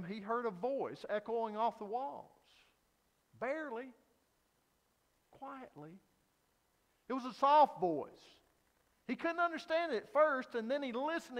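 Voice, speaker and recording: A man's voice: extremely high pitch, in a large hall. A man preaching an evening sermon at a pulpit microphone, telling a story earnestly with frequent hesitant fillers. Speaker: pastor.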